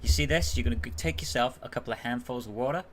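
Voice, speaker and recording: A man's voice: on the low side, monotone, a little slow, sharp tone, slight background noise. A man putting on a folksy Louisiana woman's drawl.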